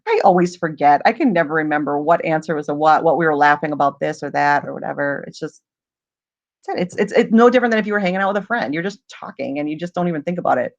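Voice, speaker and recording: A woman's voice: sits low, animated, fast, dull audio. A woman hosting a casual livestream Q&A, chatty and rambling, often laughing as she talks. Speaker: livestream host.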